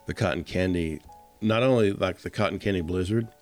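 A man's voice: low voice, a little fast, faint music behind. A man co-hosting a podcast, chatting casually and laughing often. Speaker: podcast co-host. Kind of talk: casual chat.

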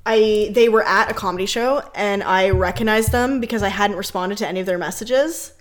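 A woman's voice: mid-range voice, a little fast. A young woman co-hosting a podcast, telling stories in casual chat and reading messages aloud with giggles. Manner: animated storytelling, reads messages aloud with giggles. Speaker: podcast co-host.

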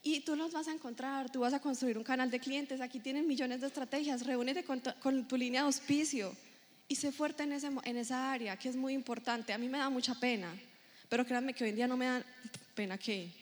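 A woman in her thirties giving a motivational storytelling talk, animated and acting out the dialogue in her stories. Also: high-pitched, a little fast. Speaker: motivational speaker and entrepreneur. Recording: reverberant hall, faint ambience.

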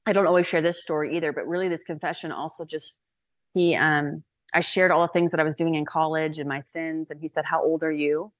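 A woman in her thirties, a guest speaker telling her personal faith story on a podcast, chatty and animated, with many fillers. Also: deep voice, a little fast, no room sound.

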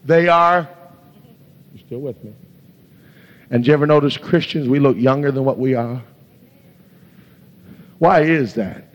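A man's voice: mid-range voice, unhurried, pauses often. A male evangelist preaching a sermon with stories, impassioned and crying out hallelujah and glory to God. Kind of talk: sermon with storytelling. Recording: echoey hall, dull lo-fi sound.

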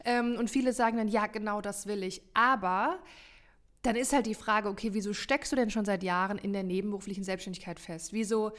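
A woman's voice: medium pitch, steady tone, a little fast, fairly bright tone. A woman co-hosting a podcast, explaining in long emphatic runs with many fillers in a casual chat. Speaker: podcast co-host.

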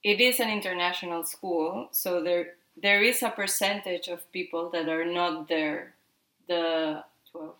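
A chatty podcast guest, a Peruvian woman in her twenties with Spanish as her first language, keeps saying "like" and tagging sentences with "no?" in a casual interview. She speaks at a measured pace with a lowish, sharp-toned voice and fairly even intonation, in a reverberant setting.

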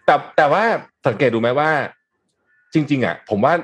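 A man hosting a casual news talk show, chatting with co-hosts in an animated, sarcastic way with many restarts. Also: mid-range voice, moderate pace, slightly rough. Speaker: host.

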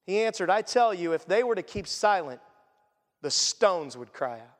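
A man preaching a sermon as pastor, earnest and conversational, often dropping to a hushed voice for emphasis. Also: sits high, sing-song, moderate pace, big-room sound. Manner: earnest, conversational preaching with sudden quiet drops.

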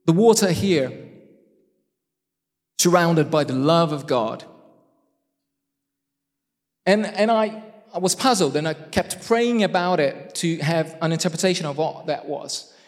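A man preaching a sermon in a conversational way, with joking asides about himself, slowing down to stress key phrases. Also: on the high side, expressive. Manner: conversational, self-deprecating asides; emphatic, slows for key phrases. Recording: long hall reverb.

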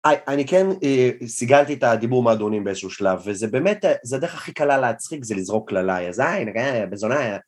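A young man, a guest comedian, tells an anecdote in a casual, self-deprecating and animated way. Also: medium pitch, hardly any pauses. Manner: animated, self-deprecating storyteller who acts out quotes. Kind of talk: casual storytelling in a podcast interview.

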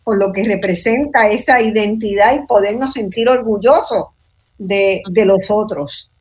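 The host, an older woman from Puerto Rico with a Puerto Rican accent, speaks at a measured pace in a mid-range, darkish voice. She guides the panel discussion in a thoughtful, reflective manner, often tagging her sentences with "¿verdad?".

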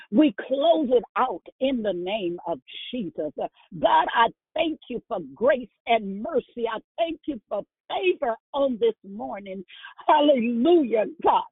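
On a phone prayer line, a woman leads a spontaneous prayer, fervent and repetitive, with frequent filler sounds between her cries. Her voice is on the high side with a breathy edge and lively intonation, and she speaks unhurriedly. The telephone line sounds dry and tinny.

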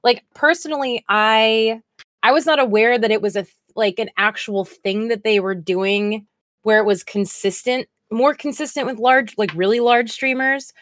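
A woman's voice: a little high, normal speed, a bit bright, no echo, studio quality. A woman co-hosting a podcast, chatting casually and getting indignant about the news. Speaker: podcast co-host.

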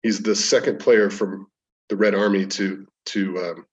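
Brief: a lower-pitched man, a podcast guest, anecdotal and loose, restarting sentences; heard from a distance. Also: fairly even intonation, a little slow. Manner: rambling, anecdotal, frequent restarts. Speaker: podcast guest, strength coach. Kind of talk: casual storytelling interview. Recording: distant, dull lo-fi sound.

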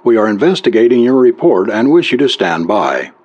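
A man's voice: medium pitch, sing-song, brisk, darkish tone. A man doing a stern coast guard operator. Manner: stern, clipped radio protocol. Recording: dull lo-fi recording.

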